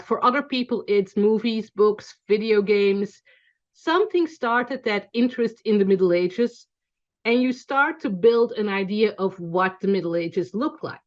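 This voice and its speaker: Here is a woman from Belgium, in her forties, whose medium-pitched voice comes through a lo-fi video call. She teaches an online class conversationally, often saying um and going back to fix what she said.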